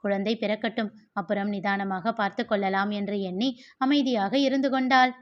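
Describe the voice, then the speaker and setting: A woman narrating a novel as an audiobook in an even, steady storytelling manner. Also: mid-range voice, moderate pace. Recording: dull lo-fi recording.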